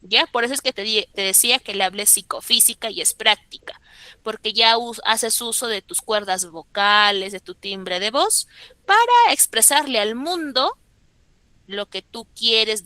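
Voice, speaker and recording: A woman's voice: medium pitch, normal speed, pushed and bright, dry recording. A woman, teaching a class and often stopping to check that students follow. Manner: explains with frequent checking questions to students. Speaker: school teacher. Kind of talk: classroom lecture.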